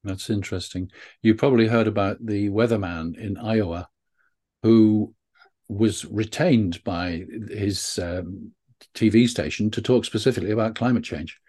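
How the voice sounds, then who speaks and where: Low, husky male interview host. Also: unhurried, mellow. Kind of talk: interview conversation.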